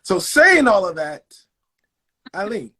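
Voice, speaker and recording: An enthusiastic interview host who rambles in quick bursts, inviting a guest to tell her story. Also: medium pitch, big pitch swings, sharp tone, breathy edge. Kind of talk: interview host, casual chat.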